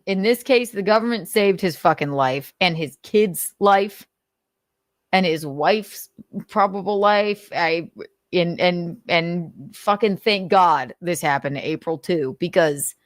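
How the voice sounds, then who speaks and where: A commentary show host, a woman with a lowish voice, reads her notes out slowly, adding casual, sardonic remarks and swearing freely in a conversational way. The recording is dry and of studio quality.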